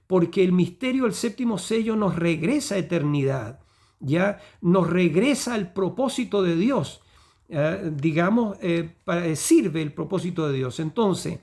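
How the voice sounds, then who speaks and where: A man's voice: high voice, lively intonation, unhurried, vocal fry, darkish tone. A man preaching a sermon, often checking in with the listeners and repeating phrases as he builds a point. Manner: teaching tone with frequent "¿ya?" and "¿cierto?" checks.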